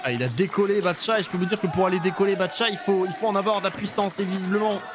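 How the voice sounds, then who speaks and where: A man's voice: sits high, very fast. A man giving live wrestling commentary, explaining the action in colloquial, argumentative terms. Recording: music and crowd noise behind. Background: music and wrestling crowd.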